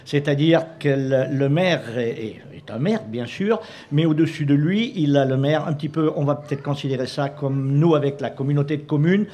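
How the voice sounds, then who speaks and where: A man's voice: a little high, moderate pace, hardly any pauses, warm tone. Hesitant, polite man mayor. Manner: polite, hesitant, laughs often. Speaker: mayor, guest on a comedy talk show. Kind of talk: casual on-air interview.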